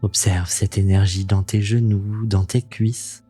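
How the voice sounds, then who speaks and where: A man leading a guided meditation in a soothing, gentle, intimate voice that sounds close to the ear, unhurried and calming, as the host of the practice. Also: on the low side, slightly rough, soft background music. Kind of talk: slow guided meditation narration.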